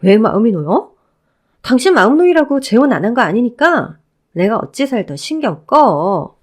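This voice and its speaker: A woman playing a sharp-tongued divorced woman who answers her ex-husband coldly and with contempt, in a Korean audio drama. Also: on the high side, big pitch swings, normal speed. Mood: scornful. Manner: cutting, scornful. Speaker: flight attendant.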